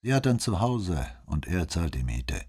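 A man reading an audiobook and voicing a gruff boatman who talks in a matter-of-fact, dismissive way. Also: low-pitched, big pitch swings, unhurried, a little mellow, heavily acted. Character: older male boatman, gruff and shrugging.

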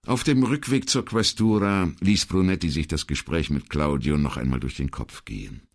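A man reading an audiobook as narrator, telling the story with expressive, lively intonation. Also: a bass voice, moderate pace, gravelly. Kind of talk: scripted narration.

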